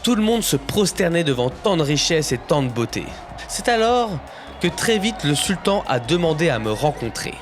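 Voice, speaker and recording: A young adventurer, played by a man narrates his own storybook tale. His high voice moves expressively up and down, full of suspense, with clear music behind. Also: big pitch swings, moderate pace. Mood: expressive narrating. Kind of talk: dramatic scripted first-person storybook narration.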